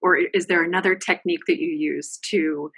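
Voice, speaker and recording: A woman's voice: on the low side, fairly even intonation, fairly quick, gravelly, fairly bright tone. A woman moderating an online Q&A session over a video call, asking questions in a friendly, inviting way. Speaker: host.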